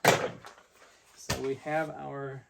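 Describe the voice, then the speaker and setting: Slow, wry man reviewing toys. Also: mid-range voice, completely flat delivery, gravelly, heavy background noise. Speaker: toy reviewer. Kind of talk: casual unboxing chat.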